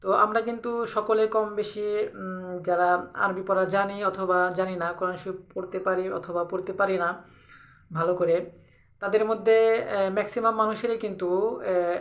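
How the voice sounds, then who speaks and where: A woman giving a casual spoken lesson on pronouncing Arabic letters, pausing often on fillers and repeating syllables slowly for practice. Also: mid-range voice, fairly bright tone. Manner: hesitant, many fillers, repeats letter sounds for drilling. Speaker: Arabic letter pronunciation teacher.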